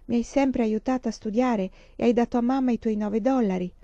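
A woman reading the lines of a gentle blind teenage girl about to leave home, softly and wistfully. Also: on the high side, brisk, no echo, pitched above the performer's own voice, close to an everyday voice. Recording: dull lo-fi dry recording.

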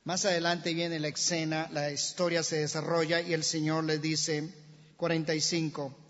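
A man preaching a sermon, telling the story with lively questions to the congregation and acting out the shouts. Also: a little high, moderate pace. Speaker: pastor. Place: church sanctuary. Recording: dull sound, long church reverb.

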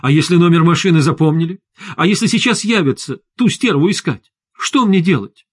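A man reading an audiobook who voices a frightened wife, raising his voice high as she pleads and shouts. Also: animated, slow, slightly rough, dry recording, studio quality, full character voice. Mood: shouting. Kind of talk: audiobook character voice.

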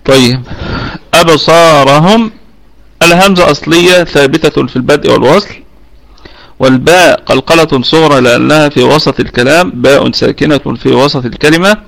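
A man with an Egyptian Arabic accent gives an online Quran recitation lesson. His voice sits a little high and has a gravelly, creaky edge. He goes through each rule patiently, saying key points twice and pausing on fillers. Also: fairly bright tone. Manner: hesitant fillers while explaining.

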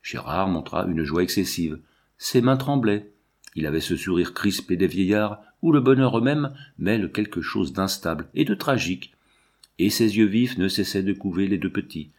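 A man with a low voice narrates a classic novel aloud. His delivery is expressive, with pitch and loudness shifting from phrase to phrase. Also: normal speed. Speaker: audiobook reader. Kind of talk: literary narration.

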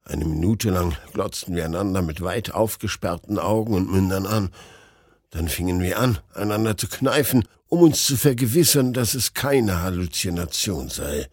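A man narrating a story with a measured, dramatic reading. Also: low-pitched, animated, breathy edge, no room sound, clean studio sound. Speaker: audiobook narrator.

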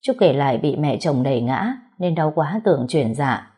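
A woman narrating an audiobook story in a steady, expressive reading voice. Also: low-pitched, normal speed, breathy edge.

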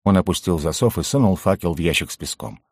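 Man narrating audiobook, very deep voice, dry close sound. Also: expressive, fast, a little mellow, slightly rough, no echo. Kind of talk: scripted narration.

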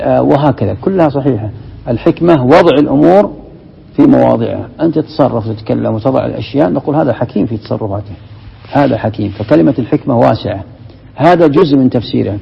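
A man's voice: medium pitch, vocal fry, slightly rough. A man teaching Quran commentary in a lesson, explaining step by step and asking and answering his own questions, with in his speech. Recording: dull, lo-fi recording in a reverberant hall.

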